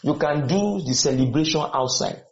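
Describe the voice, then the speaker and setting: A man's voice: fairly high pitch, expressive, moderate pace. A man preaching a sermon to students, firing questions at them and repeating his points. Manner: questioning, exhorting, repeats lines. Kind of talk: sermon with call and response. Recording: echoey room, dull lo-fi sound.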